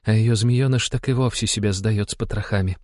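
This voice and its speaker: A man's voice: fairly low pitch, steady tone, a little fast, darkish tone, no echo, pitched above the performer's own voice, lightly acted. A man voicing a sly, mocking female naga in an audiobook.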